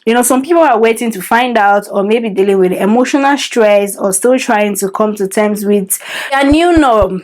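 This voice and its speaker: A woman giving advice straight to camera, expressive and emphatic, with mock-scolding asides. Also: medium pitch. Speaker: vlogger. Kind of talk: direct-to-camera advice vlog.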